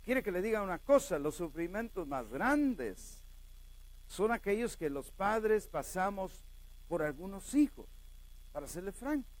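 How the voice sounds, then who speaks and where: A male pastor, preaching a sermon with animated storytelling and questions to the congregation. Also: high voice, measured pace.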